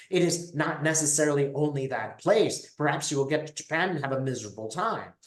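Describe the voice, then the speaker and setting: Guy doing a seance medium spirit guide voice, slow careful formal wording, pensive hums, kinda teacherly, roomy echo. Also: medium pitch, natural voice. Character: composed, didactic channeled spirit guide speaking as "we". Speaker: trance channeler. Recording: echoey room.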